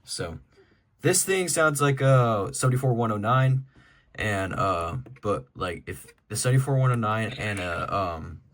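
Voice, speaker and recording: Showing off his weather radio collection, a man rambles casually and shares strong opinions in an informal way. His voice sits on the low side, animated yet unhurried.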